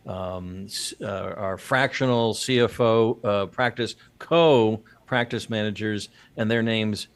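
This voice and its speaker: A middle-aged man with a Boston accent hosts a casual podcast. His voice sits fairly low, and he speaks into a boom microphone in an office. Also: slow pace, hardly any pauses, smooth, dry recording. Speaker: podcast host. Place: indoor office. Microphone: boom studio mic with headset.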